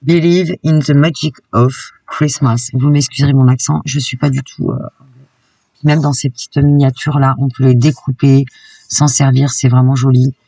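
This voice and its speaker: Brief: chatty craft vlogger woman, gravelly voice, a little distant from the mic. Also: very deep voice, level tone, moderate pace, mellow, no room sound. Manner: chatty and enthusiastic, peppered with "hein". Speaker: craft YouTuber. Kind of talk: casual shopping haul vlog.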